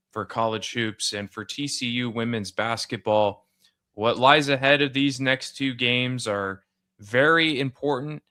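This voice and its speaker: A man's voice: mid-range voice, bright, forceful tone, clean tone. A man hosting a casual sports podcast, easygoing and upbeat as he introduces the episode and previews games. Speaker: podcast host. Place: home room with bare background.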